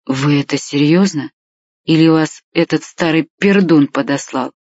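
A woman's voice: low-pitched, measured pace, darkish tone, dry recording. Female reader doing a crude sleepy guy about thirty, coarse and loose, dull dry audio. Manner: crude, casual.

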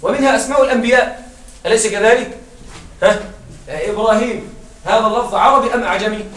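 A man's voice: sits high, fast, fairly bright tone, slight background noise. A male teacher giving a classroom grammar lesson, often quizzing his students and restarting words as he explains. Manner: questioning students, repeats and restarts. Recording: roomy classroom sound from far off.

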